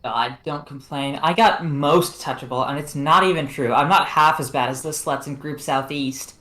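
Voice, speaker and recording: A woman's voice: low-pitched, moderate pace, a bit bright, roomy sound. Woman reading a blunt, crude tipsy teen girl. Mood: grumbling.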